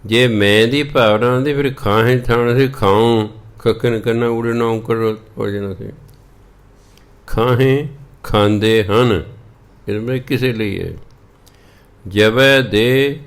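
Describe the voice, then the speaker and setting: A man giving a sermon, chanting scripture slowly and then patiently explaining its pronunciation and meaning. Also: medium pitch, fairly even intonation. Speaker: Sikh preacher giving scripture exposition. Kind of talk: slow sermon teaching scripture line by line.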